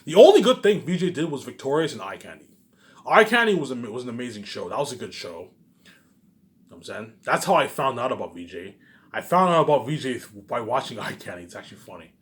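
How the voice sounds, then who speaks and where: Very animated and fast-talking, this man with a mid-range voice runs a casual solo vlog with no script. He leans on slang and emphasis, repeats himself, and lets thoughts trail off into asides.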